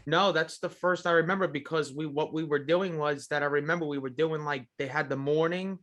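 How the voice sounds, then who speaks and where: Young guy on his podcast, higher voice, sheepish, trips over his words. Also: fairly even intonation, brisk, fairly bright tone. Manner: sheepish, hesitant, repeats himself. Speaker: podcast host. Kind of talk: casual podcast chat.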